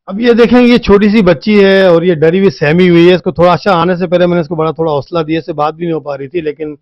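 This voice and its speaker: Man, field reporter, high voice, conversational, gentle direct questions, dry close sound. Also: steady tone, dry recording, highs cut off. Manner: conversational, repeats filler phrases while explaining. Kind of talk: on-location news interview. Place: on location, seated beside the interviewee.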